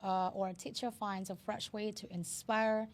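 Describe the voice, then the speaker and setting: A woman in her thirties from Hanoi, Vietnam, an educator and CEO, earnestly tells her story as an interview guest. She speaks with a Vietnamese accent and non-native phrasing, at medium pitch, fairly even intonation and normal speed.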